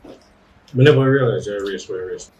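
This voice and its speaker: A man's voice: fairly low pitch, normal speed, a little mellow. A man with a Caribbean accent bantering casually during a food challenge, teasing and boastful. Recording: roomy, distant mic, faint background noise.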